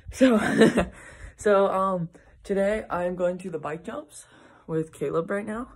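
A woman's voice: on the low side, darkish tone. A young woman talking casually to her viewers in a vlog, rambling with many ums and restarts and laughing easily. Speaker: vlogger.

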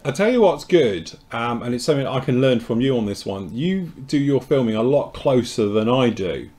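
A man's voice: mid-range voice, sing-song, normal speed, warm tone. A man hosting a casual live show about model kits, talking in a loose, rambling, chatty way as he explains things. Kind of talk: casual live-stream chat.

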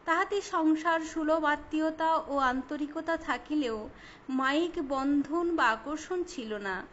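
A woman with a high voice reads a biography aloud, steady and formal in her delivery. The recording is a little dull and lo-fi, with a faint hiss underneath. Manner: measured, formal literary reading. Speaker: reader.

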